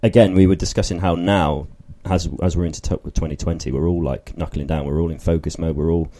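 A man hosting a casual podcast chat, jokey and quick to laugh, rambling with restarts. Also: deep voice, steady tone, dark tone. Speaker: podcast host.

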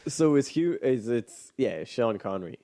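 A man in his thirties banters playfully with a friend, his voice rising and falling a lot as he throws in quick jokes. He sounds quick-witted and relaxed. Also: medium pitch. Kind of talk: casual comedic chat.

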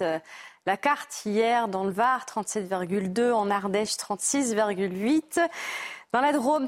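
Woman giving the weather. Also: mid-range voice. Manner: hesitant, with fillers. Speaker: weather presenter. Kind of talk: live weather forecast.

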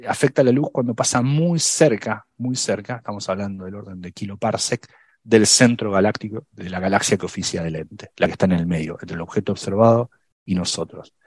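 Low-voiced man explaining science, dry sound. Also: brisk, a little mellow, breathy edge, no room sound. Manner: thinks aloud with many fillers and restarts. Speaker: science podcast panelist. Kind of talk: casual explanatory chat.

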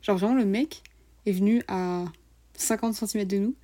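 A woman's voice: mid-range voice, normal speed, mellow. A young woman co-hosting a travel podcast, recounting the trip in enthusiastic, slangy casual chat. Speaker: podcast co-host.

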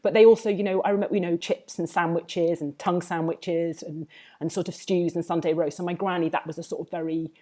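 A woman's voice: on the low side, steady tone, fairly quick, dark tone. A woman with a southern English Home Counties accent talks reflectively in conversation, circling back over her phrases as she goes. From Hertfordshire, England. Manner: discursive, circling back with repeated hedging phrases. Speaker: food writer, interview guest.

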